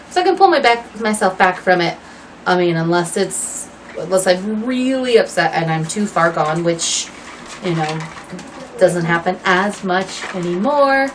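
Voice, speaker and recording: A woman's voice: medium pitch, slight background noise, low-quality recording. A woman in her thirties chatting casually to camera at home while dyeing her hair, rambling and apologetic with lots of fillers. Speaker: vlogger.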